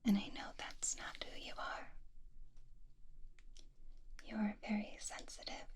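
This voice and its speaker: In an ASMR roleplay, a woman plays a gentle, bookish young woman who is kind and doting. She speaks in a soft, breathy whisper that is tender and reassuring, going slowly with light acting.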